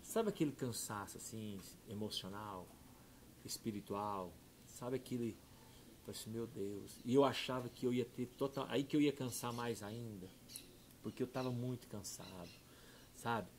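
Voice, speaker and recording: A middle-aged pastor shares a heartfelt testimony in a conversational interview. His voice sits at an ordinary pitch and moves between hushed, low passages and loud, excited bursts. A faint noise runs under the recording. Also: moderate pace. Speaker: pastor and podcast guest. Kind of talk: emotional personal testimony.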